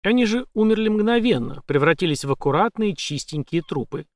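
A man narrating a first-person thriller audiobook in a measured, dry storytelling manner. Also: high voice, lively intonation, dry recording. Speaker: audiobook reader.

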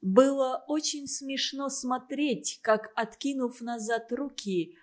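A woman narrating a novel in a steady, even storytelling manner. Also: high-pitched, slow. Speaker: audiobook narrator.

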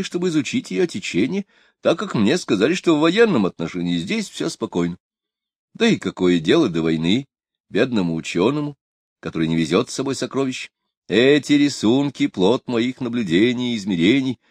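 A man voicing a calm, firm male scholar who speaks in a measured, lightly ironic way. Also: mid-range voice, no room sound. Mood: steady.

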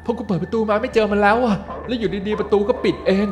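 A terrified young man, as a male storyteller puts him on, lost alone in a haunted house and begging a friend for help. His voice jumps well above the narrator's own and comes out loud and frantic, the words rushed and pleading. Soft music sits underneath. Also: sits high, voice pushed up, lightly acted. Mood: panicked.

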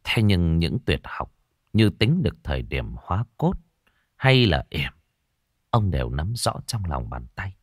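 A man from Northern Vietnam narrating a ghost story slowly and dramatically, dropping to a hush at tense moments. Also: sits low, sing-song, husky, dry recording, clean studio sound.

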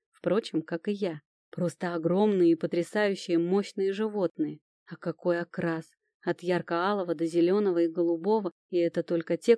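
A woman reading a first-person fantasy story aloud, lively and expressive. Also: fairly low pitch, dry recording, studio quality. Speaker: audiobook reader.

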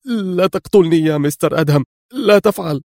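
A man voicing a terrified male foreign agent who pleads in a shrill, breathless way. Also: animated, fast talker, darkish tone, no echo, clean studio sound. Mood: pleading.

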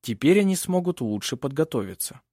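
A man narrating an audiobook in an expressive storytelling manner. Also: on the high side, a little fast, husky, no echo, studio quality. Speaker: audiobook reader.

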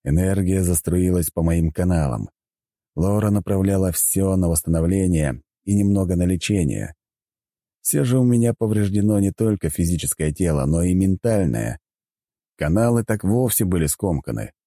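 Male audiobook narrator, low mellow voice, wry measured read. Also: lively intonation, no echo, clean studio sound. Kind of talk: scripted narration.

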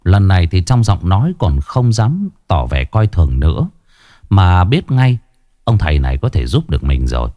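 A man tells a ghost story in a lowish voice, slowing down to build suspense. His pitch moves expressively, and the sound is close and dry with no room around it. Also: very animated, dark tone, no room sound. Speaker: narrator.

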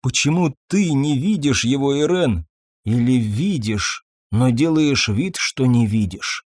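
Мужчина в роли усталого робкого официанта. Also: male voice, mid-range voice, animated, a little mellow, no echo, clean studio sound. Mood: pleading. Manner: slow, weary, pleading speech. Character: tired, timid, guilt-ridden middle-aged waiter.

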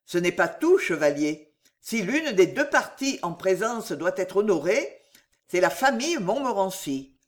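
A reader voicing a gruff, loud old soldier of fortune who swears heartily, in an audiobook. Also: mid-range voice, very animated, unhurried. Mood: earnest. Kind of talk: audiobook character reading.

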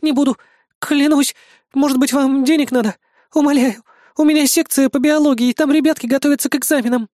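A reader voicing a frightened young woman who pleads in a high, tearful voice in an audiobook. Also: expressive, slow, slightly rough, no room sound, clean studio sound, full character voice. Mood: terrified, pleading.

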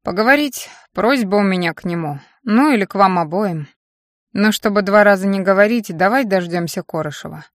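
A woman's voice: mid-range voice, lively intonation, brisk, no echo, lightly acted. A brash, wary young man, as a woman reader puts him on talks in a casual, mumbling drawl. The audiobook reading is plainly delivered. The sound is dry and close, with no room around it. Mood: hesitant.

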